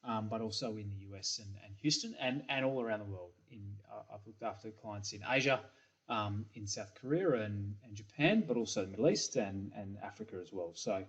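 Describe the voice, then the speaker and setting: Speaking briskly in a lowish voice, a middle-aged Australian man presents his software company's product in a recording made in a small room. As a principal of the firm, he fills his pitch with ums and repeats words. Slightly dull webcam sound captures it.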